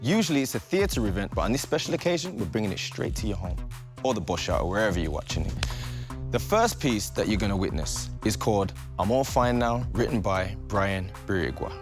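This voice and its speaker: A man hosting a theatre show and introducing the first piece in a friendly, lively way. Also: on the low side, brisk, over music. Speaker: host.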